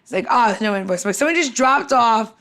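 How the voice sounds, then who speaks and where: A woman with a fairly high voice talks at a quick pace as co-host of a casual podcast, trading anecdotes. A cocktail maker, she is blunt and salty, animating her stories by acting out the dialogue.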